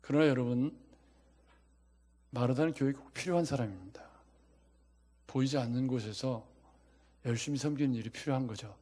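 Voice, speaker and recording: Man preaching, lively and chatty, keeps throwing questions at the congregation, mid pitch. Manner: animated, quizzing the congregation. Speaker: pastor. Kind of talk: sermon.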